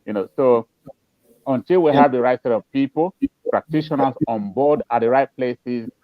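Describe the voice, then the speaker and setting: A man of medium pitch argues his view earnestly in a panel discussion, repeating points for emphasis. The sound is narrow and phone-like, with little room echo. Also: moderate pace. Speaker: panelist, film industry practitioner. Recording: thin phone-like line, dry.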